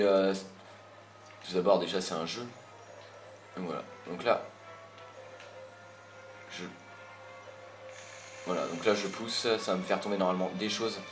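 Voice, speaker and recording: Chatty low-voiced man narrating gameplay. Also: unhurried, pauses often. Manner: rambling, chatty, mild swearing. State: a bit irritated. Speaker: gameplay commentator. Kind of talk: casual gameplay commentary. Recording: roomy voice with game music behind.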